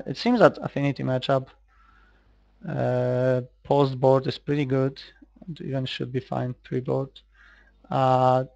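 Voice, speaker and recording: Thinking aloud as he plays and records an online card game, a Polish man offers casual, hesitant live commentary in a Polish accent. His mid-range voice carries vocal fry. The audio is dull but free of echo.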